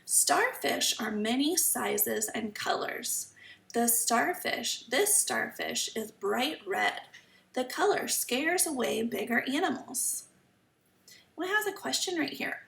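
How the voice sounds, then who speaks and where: A woman with a high voice reads a children's book in a slow, kids show host manner. She pauses to explain and put questions to young listeners. The recording is roomy and echoing. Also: animated, vocal fry, a bit bright. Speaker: children's teacher reading a picture book aloud. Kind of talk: children's story time read-aloud lesson. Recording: roomy echo, slightly distant mic.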